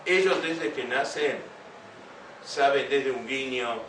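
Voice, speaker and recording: Giving a talk to a young audience, an older man speaks earnestly in a mid-range voice, taking it slowly and pausing often for rhetorical questions. He is heard from some distance off the mic in an echoey room, with steady room noise behind him.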